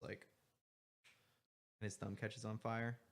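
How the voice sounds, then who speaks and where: A man's voice: fairly low pitch, level tone, slow, vocal fry. A man narrating a tabletop game as dungeon master in a loose style with many fillers.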